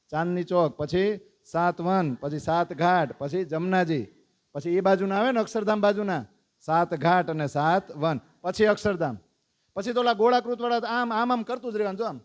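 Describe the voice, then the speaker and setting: A man leading a devotional lesson, calling out lists and prompting the congregation to recite along. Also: high-pitched. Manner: lively, calls out lists and prompts the audience to recite. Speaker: religious teacher.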